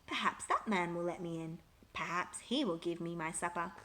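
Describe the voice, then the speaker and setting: A woman's voice: fairly low pitch, normal speed, a bit bright, a little hiss or hum, pitched below the performer's own voice, natural voice. A woman voicing a forgetful, self-pitying pet cat musing plaintively in a children's story. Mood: hopeful.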